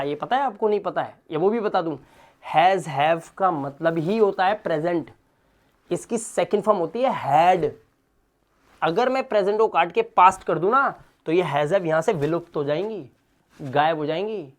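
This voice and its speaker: Animated man teaching with loud bursts. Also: on the high side. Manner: animated, swings from quiet asides to loud emphatic bursts; addresses the viewer directly and spells words out letter by letter. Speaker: English teacher. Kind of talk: spoken English lesson in Hindi.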